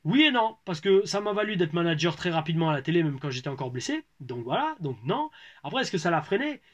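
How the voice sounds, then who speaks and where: A former pro wrestler from France chats loosely in a casual Q&A, reading viewer questions aloud and answering them. His slightly high voice swings widely in pitch at a quick pace, full of fillers and restarts.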